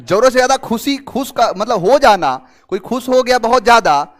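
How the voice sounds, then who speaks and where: High-voiced male teacher explaining idioms. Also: animated. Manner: explains slowly, reads options aloud, tells anecdotes. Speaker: English teacher. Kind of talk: classroom idiom lesson.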